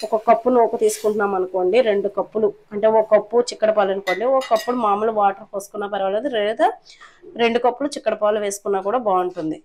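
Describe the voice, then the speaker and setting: A woman's voice: mid-range voice, fairly even intonation, very fast, a little mellow. A woman casually narrating a home cooking vlog, chatting politely to her viewers as she cooks. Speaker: cooking vlogger. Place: home kitchen.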